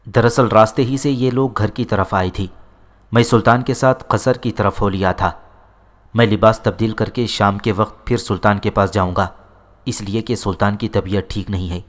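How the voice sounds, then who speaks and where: Cheerful dutiful son, male narrator reading, low, reassuring. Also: fairly even intonation, close to an everyday voice.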